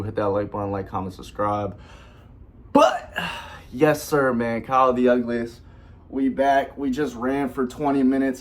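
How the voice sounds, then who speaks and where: A young man vlogging in a casual, earnest, rambling way, full of slang and repeated fillers. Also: medium pitch. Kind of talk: casual heartfelt vlog talk.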